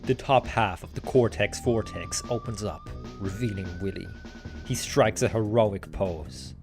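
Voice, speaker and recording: Slow, very animated male script narrator. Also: on the low side, over music. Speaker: narrator reading stage directions. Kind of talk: dramatic screenplay narration.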